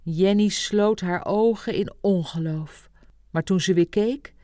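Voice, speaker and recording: A woman narrates a story in a slow, unhurried and expressive read. Her voice sits mid-range and sounds close and dry, with little room around it. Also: medium pitch, dry recording. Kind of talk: scripted story reading.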